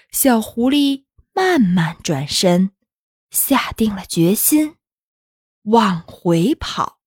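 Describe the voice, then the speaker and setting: A woman narrating a children's story in a gentle, unhurried, expressive reading. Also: on the high side, slightly rough, no room sound, studio quality.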